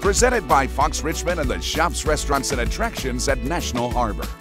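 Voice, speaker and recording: A man's voice: medium pitch, lively intonation, a little fast. A man reads a scripted promotional voice-over with polished announcer delivery. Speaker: program announcer. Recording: music bed under the voice.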